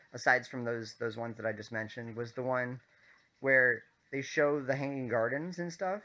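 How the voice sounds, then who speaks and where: A man casually telling a story as a vlogger, animated and full of fillers. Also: mid-range voice. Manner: animated, many fillers and restarts.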